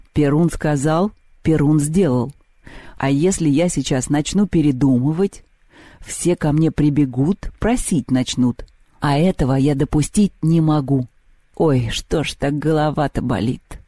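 A haughty storybook thunder god, groggy and hungover, drawls his verdicts slowly and condescendingly, as a man puts him on. The voice sits dark and mellow, close and dry with no room around it. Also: a little high, no echo.

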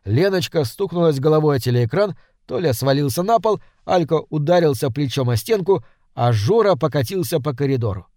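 A man narrating a children's space adventure story in an even, read-aloud manner. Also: a little high, fairly quick, hardly any pauses, dry recording, clean studio sound.

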